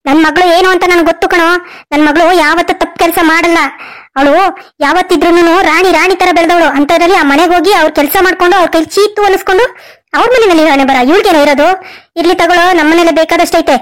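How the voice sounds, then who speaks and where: An older mother in a cartoon story fiercely defends her daughter with rapid, indignant scolding. Her voice is very high and the words tumble out quickly. A woman voices her. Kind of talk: cartoon voice acting.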